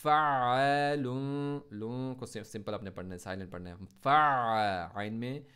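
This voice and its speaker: A man teaching tajweed in Urdu, reciting words slowly with stress and explaining each letter in quicker, lower asides. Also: darkish tone.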